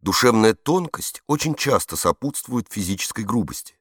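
A man's voice: fairly low pitch, sing-song, normal speed, fairly bright tone, slightly rough, dry recording, clean studio sound, pitched above the performer's own voice, exaggerated voice. A man voicing an earnest female radio journalist. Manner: earnest, persistent interviewer.

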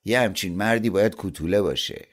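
A man voicing a menacing male demon who shouts his demands in a booming voice. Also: natural voice. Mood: scornful.

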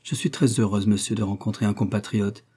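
A polite young French bride speaking graciously, as a male audiobook reader puts her on. The voice stays low and mellow. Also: fairly even intonation, a little fast, slightly rough.

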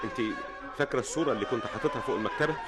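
An actor with an Egyptian accent playing Mukhtar, a lively young man who stammers when rattled, in a radio drama. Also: medium pitch, very fast, music in the background, a crowd in the background, close to an everyday voice. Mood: lively, nervous.

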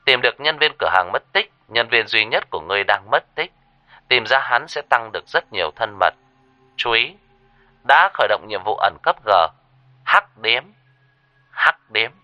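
A man's voice: mid-range voice, expressive, moderate pace, sharp tone, dry recording, soft background music. A man voicing the announcing system voice of a game world inside a spoken story, formal and emphatic.

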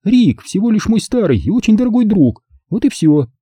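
A man voicing a loud, gushing, imperious socialite woman in an audiobook. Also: high voice, big pitch swings, normal speed, slightly rough, no room sound, studio quality, pitched above the performer's own voice, exaggerated voice. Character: glamorous flirtatious woman, thrice-married socialite hostess.

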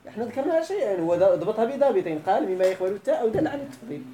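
He speaks very fast, high and expressive but dark in tone, as he lectures on Arabic grammar in a Moroccan accent. Students get quizzed with question after question, and the lesson hall echoes.

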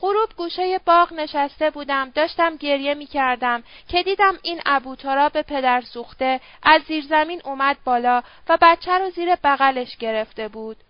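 A woman's voice: high-pitched, hardly any pauses, no echo, natural voice. A woman reading the part of a young servant girl confessing, in colloquial, rueful speech. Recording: dull dry lo-fi audio.

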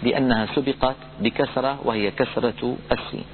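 A man giving a recitation lesson, explaining pronunciation rules in a calm lecture and chanting example words slowly. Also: mid-range voice, slight background noise. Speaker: Quran recitation teacher. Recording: tinny phone-like lo-fi audio.

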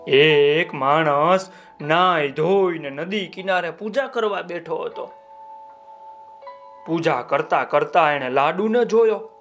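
Male storyteller, children's tale, slow pace, playful, faint music behind. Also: a little high. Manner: playful, expressive, unhurried.

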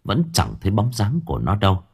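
A man narrating an audiobook story in a lively, expressive way. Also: fairly low pitch, a little fast, creaky, slightly rough.

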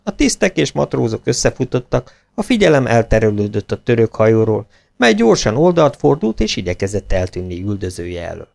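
A man reading a children's storybook aloud, expressive and animated. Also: fairly low pitch, gravelly. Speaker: audiobook reader. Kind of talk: storybook narration.

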